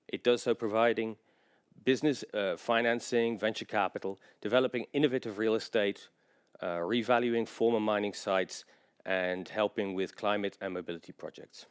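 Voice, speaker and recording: A man delivers a conference presentation in a low, smooth, resonant voice. He speaks in a measured, informative way. His sentences are broken up by frequent filler pauses. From England. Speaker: general manager giving a presentation.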